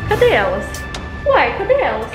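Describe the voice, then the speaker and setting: Chatty high-voiced Brazilian woman vlogging. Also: wildly swooping pitch, normal speed. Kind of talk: casual on-the-go vlog chat. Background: background music.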